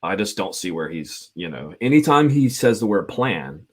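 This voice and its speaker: A man co-hosting a casual podcast discussion, animated and quick to laugh. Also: low voice. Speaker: podcast co-host.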